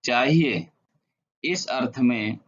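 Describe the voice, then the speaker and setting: A man teaching a Sanskrit grammar lesson online, reciting verb forms in a slow, measured way. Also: mid-range voice, dull audio.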